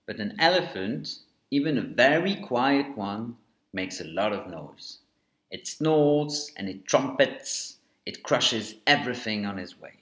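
Lively man reading a children's story. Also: mid-range voice. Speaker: narrator. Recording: echoey room.

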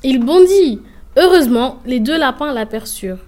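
A woman's voice: high voice, moderate pace. Woman telling a children's story. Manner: expressive, lively storytelling. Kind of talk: scripted narration.

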